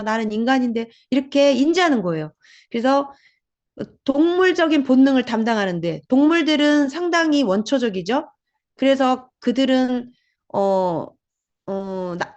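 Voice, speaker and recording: A woman's voice: fairly high pitch, lo-fi sound. A woman hosting a book club talk, explaining ideas and acting out quoted speech. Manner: lively, acts out quoted speech.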